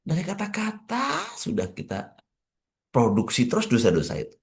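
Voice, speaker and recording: A man giving a morning religious study talk as a preacher, speaking conversationally to his listeners and emphatic and repetitive, with wide swings in pitch. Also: wildly swooping pitch, normal speed, creaky. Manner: conversational, addressing listeners directly. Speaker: Islamic preacher.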